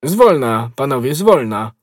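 A man's voice: mid-range voice, sing-song, measured pace, breathy edge, no room sound, studio quality. A man voicing a bold young swordsman in an audiobook, speaking firmly and with authority. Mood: commanding. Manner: firm, commanding. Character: bold young male swordsman, calm and commanding. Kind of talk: audiobook role.

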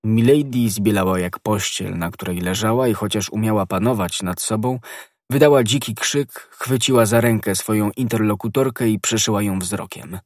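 A man narrating a classic novel as an audiobook in a measured storytelling manner. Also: fairly low pitch, no echo, clean studio sound. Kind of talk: literary narration.

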